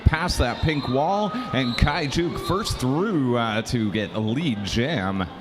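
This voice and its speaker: A man calling a junior roller derby game as play-by-play commentator, talking quickly with lots of "uh" fillers. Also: medium pitch, lively intonation, background noise. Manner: fast, filler-heavy, self-described caffeinated. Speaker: sports commentator.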